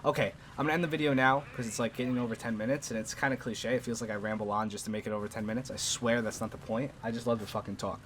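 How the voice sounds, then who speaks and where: A man's voice: mid-range voice, steady tone, racing, few pauses, a bit bright, a little hiss or hum. Rambling young man with a New York accent. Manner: rambling, chatty, addresses viewers directly. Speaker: gaming video host. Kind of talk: casual commentary over gameplay.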